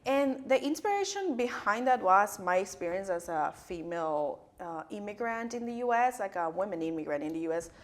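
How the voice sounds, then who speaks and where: A woman's voice: medium pitch, expressive, moderate pace, hardly any pauses. Woman from honduras, chatting about her writing, lots of uhs and restarts. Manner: hesitant, many fillers and restarts. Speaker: author and professor, interview guest. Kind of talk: interview answers.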